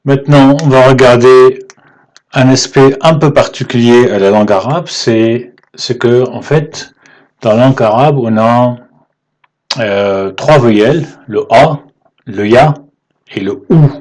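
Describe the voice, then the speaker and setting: A man teaching the alphabet in French, patient and halting, often checking in with "ok?" as he writes. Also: medium pitch, darkish tone. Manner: slow, halting delivery with fillers. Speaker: Arabic teacher. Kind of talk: whiteboard lesson explaining letters.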